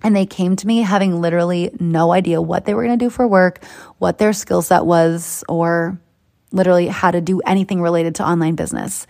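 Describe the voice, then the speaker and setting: A woman's voice: on the low side, fairly even intonation, fairly quick, creaky, dark tone. A woman from Boston hosting a podcast as a coach, talking in a chatty, upbeat and persuasive way. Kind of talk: motivational podcast monologue.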